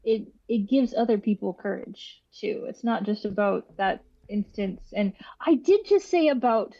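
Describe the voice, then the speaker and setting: A woman's voice: mid-range voice, animated, measured pace, vocal fry, mellow, dry recording. A woman guest on a casual podcast, speaking lightly and thoughtfully and laughing now and then. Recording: dry, dull lo-fi remote line.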